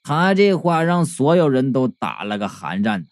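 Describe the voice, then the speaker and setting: A man's voice: mid-range voice, big pitch swings, moderate pace, no room sound, studio quality. A man narrating a comic audiobook in a chatty, colloquial storytelling manner.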